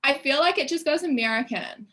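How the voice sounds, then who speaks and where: A woman's voice: sits high, a little fast, fairly bright tone, low-quality recording. A young woman with a New Zealand accent, chatting casually as a podcast guest, laughing often and leaning on "like". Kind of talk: casual interview chat.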